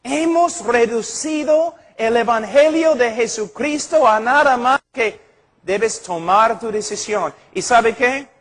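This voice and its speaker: A man's voice: very high-pitched, slow, fairly bright tone. A middle-aged man preaching an impassioned sermon as a pastor, earnest and emphatic as he tells a story.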